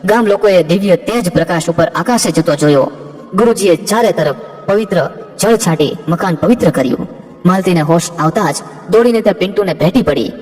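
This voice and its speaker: A man's voice: high-pitched, lively intonation, brisk, a little mellow. A man reading a scripted story aloud as narrator, doing every character in the same voice. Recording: long reverb with background music.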